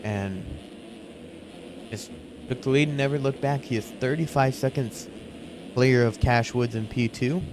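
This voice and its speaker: Man, motorsport commentator, live play-by-play, informal and conversational, clear engine noise behind the voice. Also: medium pitch, unhurried, pauses often.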